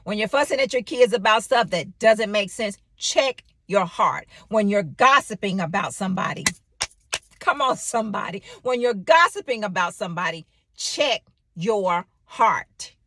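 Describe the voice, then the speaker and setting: Woman for a faith vlog devotional, storyteller with a lively pitch and a bright, dry, close sound. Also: moderate pace, few pauses, no echo. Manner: animated storytelling with exclamations. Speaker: faith vlogger. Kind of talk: devotional talk.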